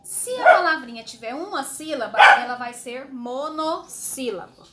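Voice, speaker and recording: A woman teacher explaining a homework sheet to young children, slowly and patiently, with fond little words. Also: high-pitched, animated, very noisy. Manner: slow, patient, uses diminutives. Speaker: schoolteacher.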